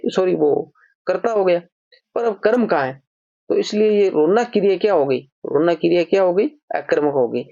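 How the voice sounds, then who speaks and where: A man's voice: high-pitched, vocal fry, mellow. A man teaching an exam-prep grammar lesson, patiently explaining and dictating example sentences word by word. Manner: patient, explanatory, calls listeners brother. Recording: dull lo-fi recording.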